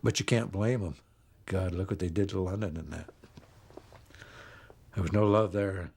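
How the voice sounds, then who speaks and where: A man's voice: low voice, normal speed, a little mellow, husky. An older man recounting memories as an interviewee, plainspoken and folksy in his storytelling. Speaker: former prisoner of war interviewee.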